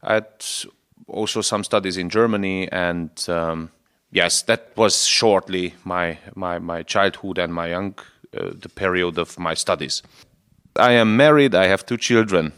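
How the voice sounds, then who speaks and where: A Lutheran bishop in his forties from Transylvania, Romania, a native Hungarian speaker, answers a radio interviewer in earnest, halting English, searching for words. His voice is low-pitched, smooth and fairly bright.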